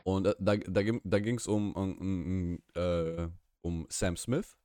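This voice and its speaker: The voice is low, mellow and slow, with fairly even intonation, recorded dry and clean in a studio. It belongs to a young man whose first language is Russian, co-hosting a podcast as a casual, rambling, opinionated live-streamed chat from a small room, full of restarts and self-corrections.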